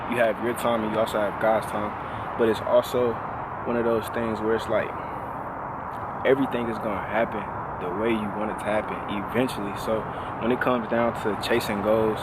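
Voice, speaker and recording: A man of twenty talking casually and reflectively as a vlogger, relaxed and full of fillers. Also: on the low side, very noisy. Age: 20s. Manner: relaxed, conversational, lots of "like" fillers.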